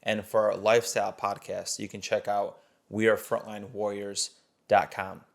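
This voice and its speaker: A man hosting a podcast reads the opening and announcements in an upbeat, announcer-like manner. His voice is low and stays fairly level in pitch. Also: level tone, moderate pace, vocal fry. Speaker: podcast host. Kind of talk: scripted show intro.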